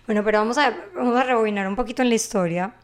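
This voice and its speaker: A woman's voice: fairly high pitch, racing. A woman hosting an interview podcast in her studio, introducing and questioning her guest. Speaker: podcast host. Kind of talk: conversational interview.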